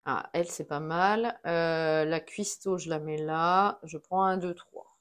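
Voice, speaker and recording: A woman's voice: deep voice, takes it slowly, a bit bright, clear, resonant tone. A woman talking herself through a solo board game, placing cards and counting pieces aloud in a casual running commentary.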